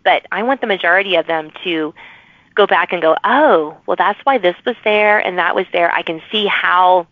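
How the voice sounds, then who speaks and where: A woman with a voice on the low side, speaking at a moderate pace with no echo, hosts a podcast and chats casually and agreeably with her guest about writing. She is a podcast host and author, and this casual interview comes through as dull, lo-fi remote audio.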